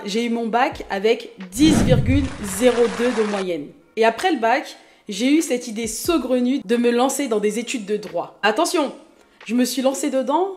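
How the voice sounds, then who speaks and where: A Haitian woman in her thirties, a YouTube vlogger, introduces herself to her viewers in a casual, self-mocking chat. Her voice is fairly high in pitch with a darkish tone.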